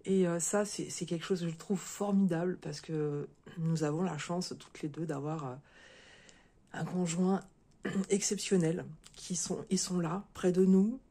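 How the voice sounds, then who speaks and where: A slightly hoarse woman chatting casually to her viewers as she opens a parcel, with many fillers and restarts. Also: lowish voice, steady tone, unhurried, mellow. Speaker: crafting video creator. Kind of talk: casual unboxing chat to viewers.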